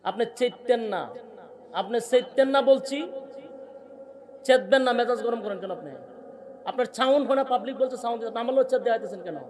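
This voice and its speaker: Male preacher, high pitch, heated scolding manner, speaking at an outdoor sermon gathering, faint background noise. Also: fast talker, long pauses, darkish tone. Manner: giving orders to the sound operator.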